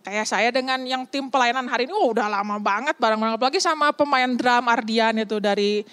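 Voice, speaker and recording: A young adult woman preaching a sermon in a conversational, lively way, often asking the congregation questions. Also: fairly high pitch, quick pace, clear, resonant tone.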